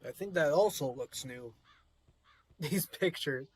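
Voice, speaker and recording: A man's voice: on the high side, animated, slow pace, slightly rough. Casual man rambling through game commentary. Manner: rambling, repetitive explaining. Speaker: gaming video host. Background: music.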